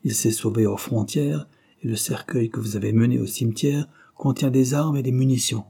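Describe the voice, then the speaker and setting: A man's voice: medium pitch, fairly even intonation, normal speed, creaky, warm tone, husky. A man voicing a jealous man who threatens and blackmails a young woman, in a hard, mocking tone. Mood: threatening.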